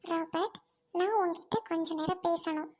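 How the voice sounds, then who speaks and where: A woman voicing a soft-spoken young woman who asks hesitant questions, in a radio drama. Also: very high voice, fairly even intonation, moderate pace. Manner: quiet, hesitant.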